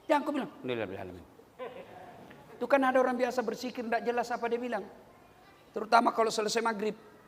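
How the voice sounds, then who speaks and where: A middle-aged male preacher gives a comic sermon to an audience in a large hall. He is animated and bantering, moving from quiet asides to shouted punchlines. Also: extremely high pitch, rapid-fire. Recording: hall reverb, faint background ambience.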